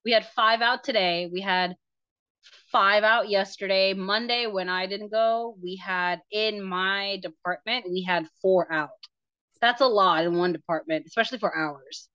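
A woman's voice: medium pitch, measured pace, sharp tone, clear, resonant tone, dry recording, muffled recording. A woman co-hosting a podcast in casual chat, sick and coughing, joking around. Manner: chatty, joking. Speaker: podcast co-host.

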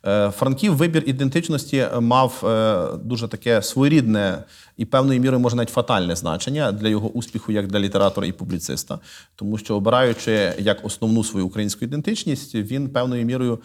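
A man speaking as an interview guest and literary scholar, explaining in a measured, lecturing way with frequent thoughtful "uh" pauses. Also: fairly low pitch.

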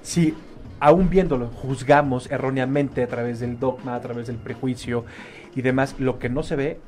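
A man's voice: medium pitch, fairly even intonation, moderate pace, a little mellow. A man speaks in casual conversation. He talks earnestly and with emphasis. A faint hum of noise sits behind his voice.

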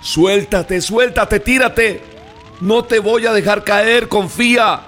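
Man doing a desperate father, high-pitched yelling and begging. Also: takes it slowly, slight background noise. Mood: urgent pleading. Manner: shouting, pleading. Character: desperate father urging his son to jump.

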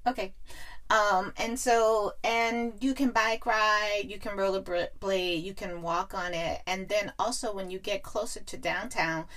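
A woman's voice: mid-range voice, steady tone, unhurried, fairly bright tone. A woman co-hosting a podcast in casual chat, playful and jokey, often laughing. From New Orleans. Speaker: podcast co-host.

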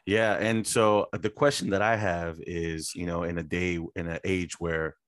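A man speaking casually into a microphone from his son's room at home, halting and repeating words as he forms his question. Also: sits low, little pitch movement, fairly bright tone, no echo, studio quality. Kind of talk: casual chat.

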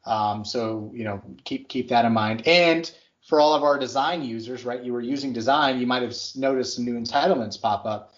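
A man co-hosting a podcast, chatting casually and enthusiastically about construction software, with plenty of fillers. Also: medium pitch, normal speed. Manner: rambling, filler-heavy, enthusiastic. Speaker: podcast co-host. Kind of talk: casual tech chat. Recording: slightly dull lo-fi audio.

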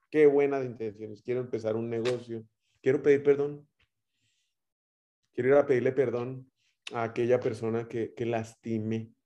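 Warm-voiced Guatemalan preacher man. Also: medium pitch, highs cut off. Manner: storytelling with rising and dropping loudness. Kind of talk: sermon.

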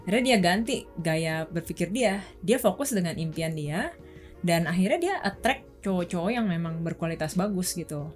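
Candid low-voiced woman sharing personal stories. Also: expressive, moderate pace, a little mellow, faint music behind. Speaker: guest. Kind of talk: casual chat.

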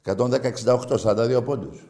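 A man hosting a call-in sports show, ranting with passion and swinging from shouting to low muttering. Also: roomy sound. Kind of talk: heated sports phone-in rant.

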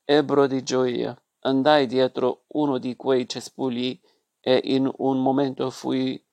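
A man reading a story aloud as its narrator, in a measured, expressive way. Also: mid-range voice, gravelly, no echo.

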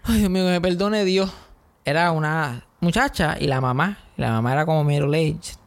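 Animated Puerto Rican man telling stories. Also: fairly high pitch, fairly quick, creaky. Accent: Puerto Rican Spanish. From Puerto Rico. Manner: animated, joking, acts out quotes. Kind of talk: casual storytelling chat.

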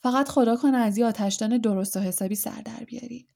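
A woman's voice: a little high, creaky, mellow. A woman reading aloud, voicing a doting, anxious middle-aged witch and mother who fusses and bosses. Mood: fussing, worried.

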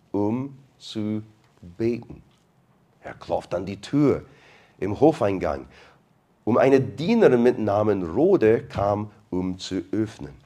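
Male preacher, sermon storytelling, playful, lively pitch. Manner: playful, asks the congregation questions. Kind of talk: sermon retelling a Bible story.

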